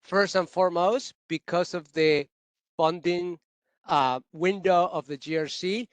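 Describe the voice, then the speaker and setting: A man who leads utility climate adaptation work, giving measured, technical explanations on a video call with frequent restarts. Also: high-pitched, clean tone, no echo. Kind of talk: virtual workshop remarks.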